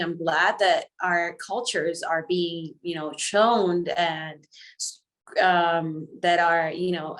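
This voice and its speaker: A woman raised in the Dominican Republic, a singer guest who answers interview questions in a chatty way and slips between English and Spanish. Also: fairly low pitch. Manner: chatty and warm, laughs often, switches between English and Spanish.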